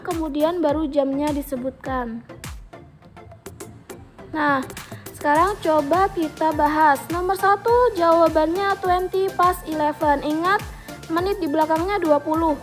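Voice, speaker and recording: A woman with an Indonesian accent teaching a lesson, enunciating slowly and deliberately as she explains step by step. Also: very high-pitched. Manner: instructive, repeating key points step by step. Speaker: English teacher. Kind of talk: scripted lesson explanation for students. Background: music.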